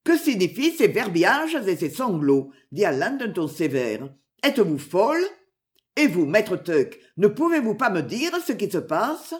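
An ardent young knight from a storybook, earnest with his beloved and curt with servants, read by a woman in her own voice. The delivery is lively, rising and falling through each sentence. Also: mid-range voice, a little slow. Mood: stern. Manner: earnest, imperious.

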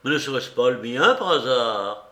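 A man voicing a hearty, blunt miller who exclaims and protests loudly. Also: mid-range voice, lively intonation, moderate pace, roomy sound. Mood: surprised. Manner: loud, exclaiming, indignant. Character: hearty male miller, blunt and good-natured. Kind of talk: audiobook character reading.

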